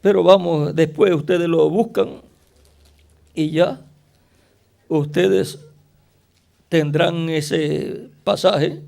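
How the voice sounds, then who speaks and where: Male preacher, high gravelly voice, deliberate sermon pacing. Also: a little mellow. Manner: slow, deliberate preaching with rhetorical questions to the congregation.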